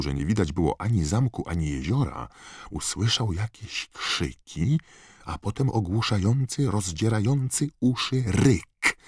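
Deep male audiobook narrator, dramatic and varied delivery, close and dry. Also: breathy edge, no echo. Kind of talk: scripted narration.

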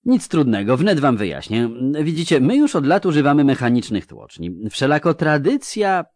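A man's voice: a little high, very animated, moderate pace, a little mellow, no echo, clean studio sound, voice pushed up. A man voicing a portly, pompous court chamberlain who speaks formally and pedantically about etiquette. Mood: pedantic.

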